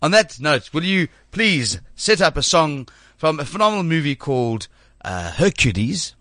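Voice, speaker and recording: Clean studio sound with no room tone captures a fairly high-pitched male voice at a moderate pace. This show host, in his thirties, rambles animatedly through casual studio chat, with many stumbling restarts.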